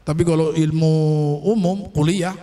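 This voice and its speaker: A man teaching an online sermon on Sufi patience, explaining slowly and checking that his listeners understand. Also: a little high, steady tone, mellow. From Indonesia. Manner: explains slowly, asks "understand?" often, acts out quoted voices. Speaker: religious teacher.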